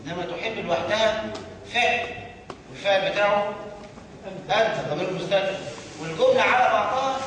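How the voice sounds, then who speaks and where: A man with an Egyptian Arabic accent and a high voice teaches grammar, prompting his students with questions they answer aloud. He is recorded from a distance in a large, reverberant hall. A faint room ambience sits underneath. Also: brisk, long pauses, a bit bright, a little hiss or hum. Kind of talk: grammar lesson to a class. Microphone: distant room mic. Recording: echoey hall from far off.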